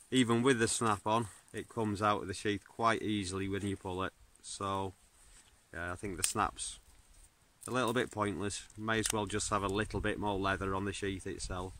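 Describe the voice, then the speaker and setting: A man, reviewing a knife in a birch forest, talking casually with plenty of fillers. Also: on the low side. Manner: relaxed, unhurried, many fillers and restarts. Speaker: bushcraft video host. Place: birch forest outdoors, smoky campfire. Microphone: phone or camera at arm's length.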